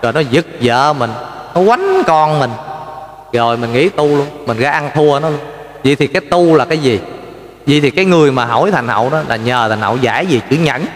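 A man giving a folksy lay Buddhist sermon, telling stories with lively rhetorical questions to his listeners. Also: mid-range voice, fairly quick. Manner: animated storytelling, addresses listeners directly, rhetorical questions. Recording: roomy with long reverb.

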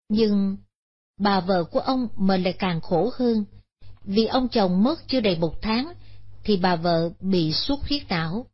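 Woman, Buddhist story narration, solemn, husky voice, lo-fi. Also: mid-range voice. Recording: dull lo-fi sound.

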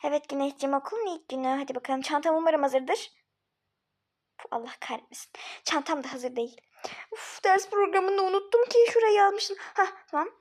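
A woman's voice: sits high, a little fast, lightly acted. Woman playing frantic, flustered older sister. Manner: frantic, talks to herself, repeats words. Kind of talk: homemade mini-series role-play.

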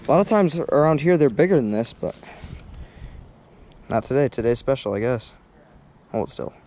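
A young man chatting excitedly while fishing on a rocky riverbank, talking to each fish as he unhooks it, recorded on a head-mounted camera outdoors. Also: medium pitch, normal speed, slight background noise. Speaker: fishing vlogger. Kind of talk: casual fishing vlog commentary. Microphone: head-mounted action camera.

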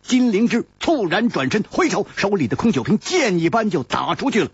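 Brief: husky male storyteller, sweeping dramatic pitch, dry dull lo-fi recording. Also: very animated, no room sound. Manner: slow, dramatic storytelling cadence. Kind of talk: pingshu-style audiobook narration.

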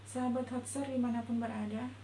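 A middle-aged woman, a religious teacher, giving a short, gentle and measured talk on faith, recorded indoors. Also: fairly high pitch, little pitch movement. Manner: gentle, reflective, measured delivery. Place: indoor room before a patterned cloth backdrop. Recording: roomy echo with faint hum.

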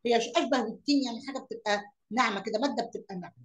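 A woman's voice: on the high side, racing, rough recording. A woman with an Egyptian Arabic accent teaching young pupils. She repeats words, asks questions aloud and mixes English lesson words into her Arabic explanations.

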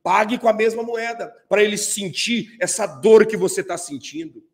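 Man playing a false friend, coaxing and insistent, fairly high voice. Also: normal speed, in a large hall. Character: scheming female friend, falsely comforting.

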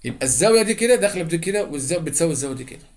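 Fast-talking Egyptian male math teacher. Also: a little high, expressive. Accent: Egyptian Arabic. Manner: quick, chatty, repeats steps and quizzes students. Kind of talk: geometry lesson explanation.

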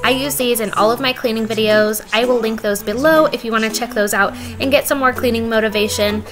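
Brisk and fairly even in intonation, a high-ish female voice carries the voice-over for a young woman's own home cleaning vlog. Loud background music plays underneath as she chats upbeat and cracks jokes at her own expense.

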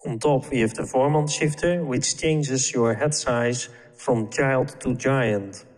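A man narrating a software tutorial, calm and explanatory, with the odd filler. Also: mid-range voice, slow, big-room sound. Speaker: app tutorial presenter.

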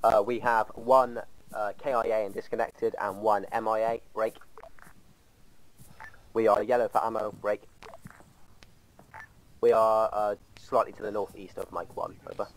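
A man's voice: on the low side, flat delivery, unhurried, pauses often, slight background noise, poor audio. Man on a field radio, clipped. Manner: terse, formal, with brief hesitations. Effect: heard over a field radio. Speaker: squad leader reporting by radio.

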